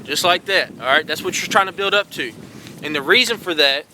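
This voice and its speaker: A man's voice: fairly high pitch, brisk, bright, forceful tone, slight background noise, poor audio. A man giving folksy, encouraging outdoor lessons, repeating "all right" and "guys" often. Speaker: host teaching duck calling. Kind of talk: casual outdoor instruction.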